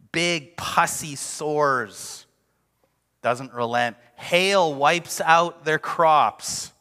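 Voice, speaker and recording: A man's voice: fairly high pitch, bright, forceful tone, long reverb tail. A man preaching a sermon, emphatic and driving home repeated refrains. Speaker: pastor.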